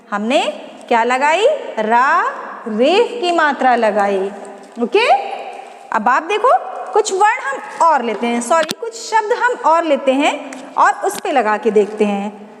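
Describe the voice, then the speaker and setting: Slow, high-voiced woman teacher in an echoey room. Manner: slow, question-and-answer teaching, drawing out each syllable. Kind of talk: classroom lesson for children. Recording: echoey room with long reverb.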